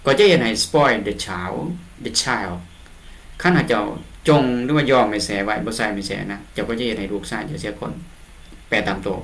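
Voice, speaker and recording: A man's voice: medium pitch, a bit bright. A man with a Lao accent teaching a class, translating an English storybook line by line with patient explanations. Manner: explains slowly, reads English lines aloud and repeats words.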